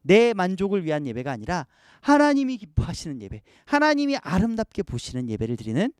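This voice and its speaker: Male preacher, high and very expressive voice, dry close-miked recording, online youth sermon. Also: brisk, clear, resonant tone, no echo. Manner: animated preaching, acts out quoted voices. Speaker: pastor.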